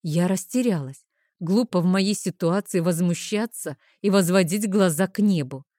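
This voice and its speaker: A woman narrating a first-person audiobook in a calm, even storytelling manner. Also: on the low side, moderate pace, no room sound, studio quality.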